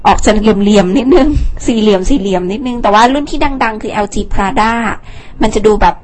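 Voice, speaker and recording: A woman's voice: medium pitch, fairly quick, darkish tone. A young woman hosting a casual phone rundown, chatty, with fillers and asides. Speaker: tech show host.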